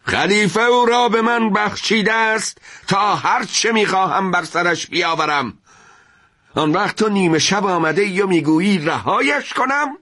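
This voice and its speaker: A man voicing a furious, proud male army general who shouts in wrath, in a told story. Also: mid-range voice, expressive, voice pushed up, lightly acted.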